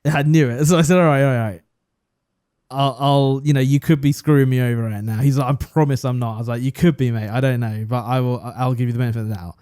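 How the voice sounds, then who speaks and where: Young English man, podcast co-host, mellow dark tone, dry close mic, chatty storytelling. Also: medium pitch, fairly even intonation, quick pace, few pauses, clean tone, dry recording. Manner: chatty, self-deprecating, acts out both sides of a conversation. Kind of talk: casual storytelling.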